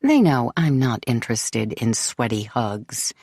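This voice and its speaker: A woman reads a first-person novel in a composed, wry voice. Her tone sits low and the sound is dry and close. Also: lively intonation, unhurried, darkish tone, breathy edge, dry recording. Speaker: audiobook narrator. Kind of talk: first-person scripted narration.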